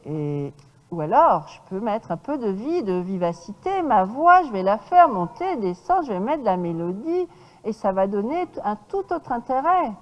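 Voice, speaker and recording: A woman horse trainer giving a lecture to an audience, lively and demonstrative, often checking in with her listeners. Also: mid-range voice, normal speed, big-room sound, dull audio.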